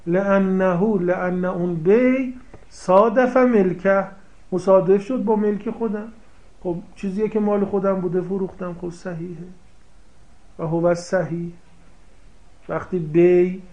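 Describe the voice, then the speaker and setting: A man's voice: sits high, gravelly, darkish tone. A man giving a seminary lecture on a classical legal text, often checking that his listeners follow and paraphrasing Arabic phrases. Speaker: seminary teacher. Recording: slightly dull, lo-fi sound.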